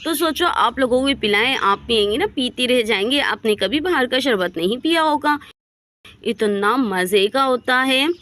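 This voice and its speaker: A woman's voice: a little high, lively intonation, moderate pace, a bit bright. A woman voicing a proud young village woman bragging about a treat. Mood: boastful. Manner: boastful. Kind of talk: doll story voice acting.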